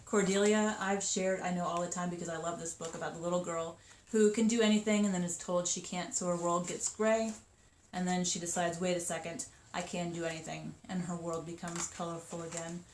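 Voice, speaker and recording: A chatty woman in her thirties with a slightly low voice runs through children's books in an upbeat, rambling way, full of ums. She is recorded in a roomy, echoey space with a faint hiss behind her. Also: flat delivery, a little fast. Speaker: children's book seller. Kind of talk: casual book showcase. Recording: echoey room with faint noise.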